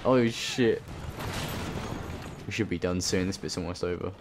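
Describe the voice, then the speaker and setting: Deep and slightly slow, this man's voice sits beneath the game audio as he hosts a let's play. He rambles, swears, and talks to himself throughout his commentary.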